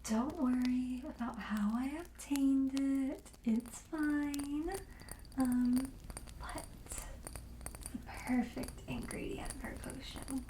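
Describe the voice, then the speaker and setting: With a high, steady voice and a slow pace, a woman roleplays a friendly witch shopkeeper with a darkly quirky streak for ASMR, her mood coaxing and impish. She speaks softly and breathily in gentle sales patter that frequently drops into a whisper. The sound is roomy, with slight background noise and low recording quality.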